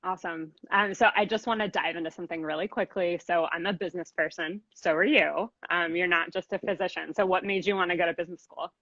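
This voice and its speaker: A woman's voice: on the low side, fairly even intonation, fast, hardly any pauses, a bit bright, no room sound, highs cut off. Upbeat woman host, dry close sound. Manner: upbeat, with frequent "um" fillers. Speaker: interview host, company CEO. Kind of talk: casual interview hosting.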